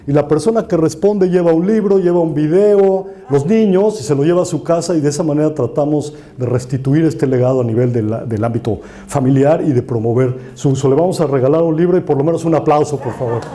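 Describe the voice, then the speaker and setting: A man giving an academic talk with slides at a conference, lively and lecturing, often restarting words. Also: on the high side. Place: conference room.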